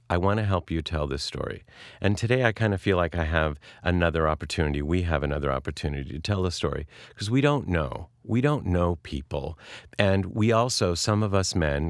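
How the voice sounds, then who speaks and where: Low-voiced man rambling through a story. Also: no room sound, studio quality. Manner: rambling, self-deprecating, stumbles over words. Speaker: talk show host. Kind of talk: casual storytelling monologue. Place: studio.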